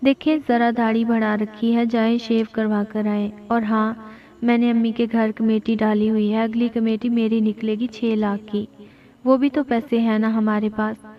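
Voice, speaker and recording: A man voicing a loving, patient young wife who talks in a tender, coaxing way. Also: very high voice. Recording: dull lo-fi recording.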